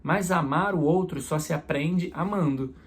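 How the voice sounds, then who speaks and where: Um padre pregando uma homilia em tom de conversa, com exemplos do dia a dia. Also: male voice, fairly high pitch, measured pace, slightly rough. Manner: conversational preaching with everyday examples. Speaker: priest.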